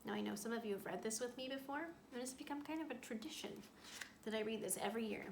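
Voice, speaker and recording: Quick and on the high side, a woman's voice reads a picture book aloud to children; she is a school librarian who tells the story expressively and tosses in little asides to her listeners. Roomy echo and noticeable background noise fill the recording.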